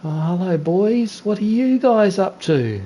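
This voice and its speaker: A New Zealand man uses a gaming headset to stream an online race, bantering casually and teasing the other drivers. His high voice has lively intonation and a dark tone, and he speaks a little slowly.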